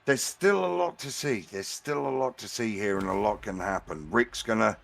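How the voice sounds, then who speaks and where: A man giving casual, chatty live commentary on a board game match, excitable and prone to repeating phrases for emphasis. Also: on the low side, normal speed, vocal fry. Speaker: esports-style match commentator.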